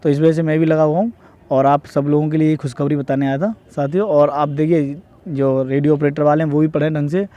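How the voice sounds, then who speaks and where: Slightly high and a little fast, his dark-toned voice shows little pitch movement, and the highs are cut off. The young northern Indian vlogger gives casual exam-preparation advice, repeating explanations and often using tag questions to check that viewers follow.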